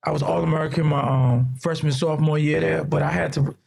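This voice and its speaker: A man's voice: fairly quick, creaky, breathy edge. A man, a podcast guest telling stories in casual chat and acting out the quotes. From raised in New York. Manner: relaxed storyteller who acts out quotes in a higher voice.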